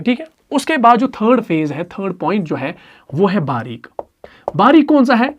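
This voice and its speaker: A man with an Urdu accent teaching Quran recitation rules, patiently repeating letters and sounds slowly. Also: high voice. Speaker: tajweed teacher.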